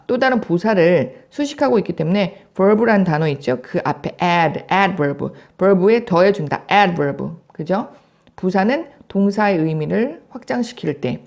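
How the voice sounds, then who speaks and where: A woman's voice: fairly low pitch, a little mellow. A woman teaching English grammar in a recorded video lesson, drilling word lists in a chant and checking in with the class.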